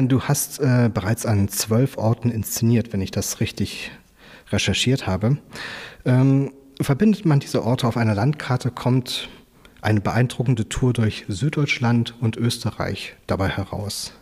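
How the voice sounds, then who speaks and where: A man hosting a literary radio interview in a glass studio, formal and measured, with frequent fillers. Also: mid-range voice, darkish tone, breathy edge. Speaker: host.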